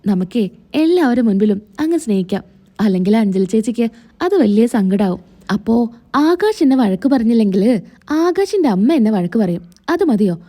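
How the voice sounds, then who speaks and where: A woman's voice: a little high, big pitch swings, moderate pace, warm tone. A cheeky teasing young wife, told by a woman.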